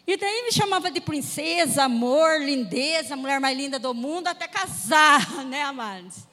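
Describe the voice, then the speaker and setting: A Brazilian woman preacher telling a funny personal testimony in an animated storytelling manner. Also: high-pitched, normal speed, long reverb tail. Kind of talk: humorous sermon testimony.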